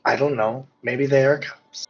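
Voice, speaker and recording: A man playing a tabletop game who explains his plans and the rules while thinking out loud. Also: medium pitch, steady tone, a little slow, vocal fry, husky, muffled recording, faint music behind. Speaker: player. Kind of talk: casual tabletop play.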